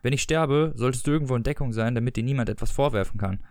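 A man voicing a frail, cool and scheming elderly husband with a dry, unhurried manner, in a German story reading. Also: mid-range voice, a little mellow, dry recording, natural voice. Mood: scolding.

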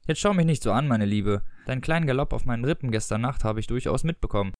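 A man voicing a frail, cool and scheming elderly husband with a dry, unhurried manner, in a German story reading. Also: mid-range voice, no echo, natural voice. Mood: mocking.

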